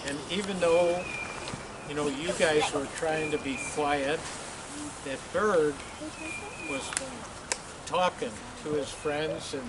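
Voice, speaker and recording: An adult nature guide leads a school hike by a lake, speaking unhurriedly and patiently in simple words for young children. The voice sits at a middling pitch. Loud outdoor noise runs beneath it. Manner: slow, patient, simple explanations with fillers. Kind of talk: explaining to young children on a field trip. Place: outdoors by a lake and rock outcrop.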